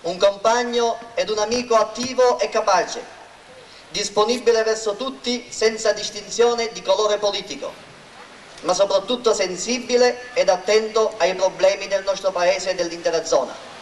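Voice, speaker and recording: A man's voice: high-pitched, steady tone, normal speed. A man giving a formal, oratorical political speech at a rally, declaiming to a public square. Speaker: local party politician introducing a candidate. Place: outdoor town square rally. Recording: roomy, distant mic, faint noise.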